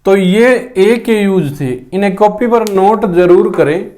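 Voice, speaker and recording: A male English teacher with a sore throat gives a spoken lesson, repeating each word several times and clearing his throat often. His voice sits high, slow and a little mellow.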